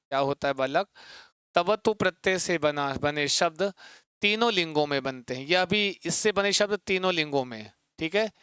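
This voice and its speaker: Male tutor, exam-prep lesson, higher pitch, crisp close sound, repetitive quizzing and sing-song chanting. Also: a bit bright, no room sound. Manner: repeats points and quizzes students with rhetorical questions; chants word forms slowly and rhythmically. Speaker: teacher.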